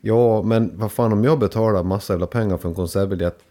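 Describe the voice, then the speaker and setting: A man's voice: on the low side, warm tone. A man who plays in a band, chatting casually in a blunt, joking way, laughing often and swearing freely. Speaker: band member. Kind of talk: casual chat.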